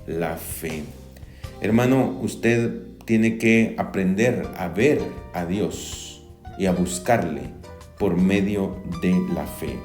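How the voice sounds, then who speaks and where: A man preaching a sermon as pastor, slow and emphatic, rising to loud cries when he quotes. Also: low voice, roomy sound, faint music behind.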